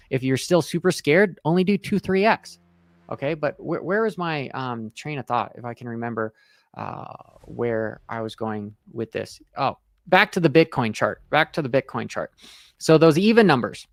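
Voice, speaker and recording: A man's voice: a little high, no echo. A man giving casual livestream trading commentary, emphatic and repetitive with frequent check-ins, speaking with half his face numb from the dentist. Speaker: crypto trading streamer.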